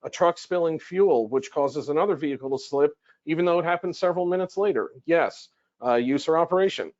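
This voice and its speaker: In this muffled recording, a man with a somewhat high, darkish voice talks fairly quickly. He is giving a legal webinar lecture from notes, explaining things conversationally by raising questions and answering them himself.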